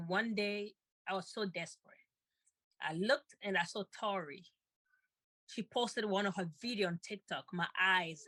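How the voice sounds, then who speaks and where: A woman's voice: fairly low pitch, a bit bright, no room sound. A woman co-host telling a personal story with feeling, often repeating herself and laughing lightly.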